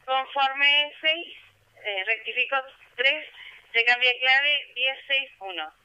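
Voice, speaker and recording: A woman's voice: high-pitched, takes it slowly, bright, forceful tone, smooth, dry recording. A woman from Chile working as a fire department dispatcher over two-way radio, answering units in terse, clipped codes and acknowledgements. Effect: two-way radio transmission. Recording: dull lo-fi radio audio.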